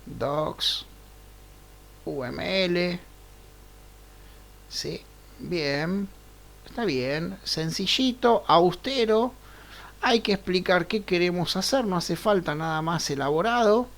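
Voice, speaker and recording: A man's voice: high voice, fairly bright tone. A man teaching a programming class online, thinking aloud as he works through code and often checking in with his students. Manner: unhurried, checks in with frequent "right?" tags. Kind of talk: live online class, thinking aloud over screen share.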